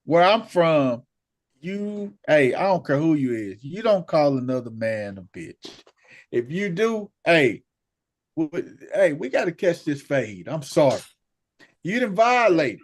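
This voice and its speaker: Animated man co-hosting a sports podcast. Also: on the high side, a little slow. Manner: animated, stammering restarts. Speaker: podcast co-host. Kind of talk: casual sports talk.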